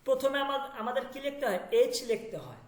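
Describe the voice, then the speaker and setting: Talking fast in an extremely high voice, a man with a Bangladeshi Bengali accent teaches an online language lesson from an echoey room. He goes through things step by step and keeps checking that his students understand.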